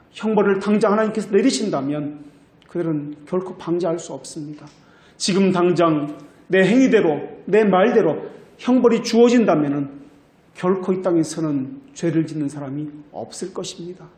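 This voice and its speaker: A man's voice: on the high side, darkish tone, reverberant. A male pastor preaching a sermon with earnest exhortation. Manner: earnest exhortation, quotes people in a mocking voice. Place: church.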